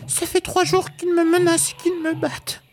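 A woman's voice: very high voice, level tone, moderate pace, a little hiss or hum. An actress playing a timid young female ostrich who speaks in a frightened, pleading way in a children's audio story. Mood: fearful.

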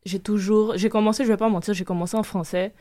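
A woman's voice: medium pitch, fairly even intonation, quick pace, mellow. A woman from Haiti, a band member chatting casually in an interview and laughing easily.

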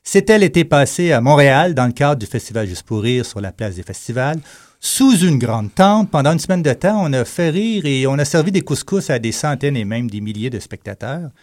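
Joking Quebec French radio columnist. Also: male voice, medium pitch, big pitch swings, moderate pace, a little mellow. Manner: jokey, chatty, hesitant with many fillers. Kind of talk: casual radio chronicle. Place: radio studio.

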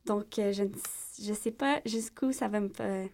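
A woman's voice: mid-range voice, moderate pace, vocal fry, darkish tone. A woman with a Quebec French accent, a choreographer explaining her work in a casual interview.

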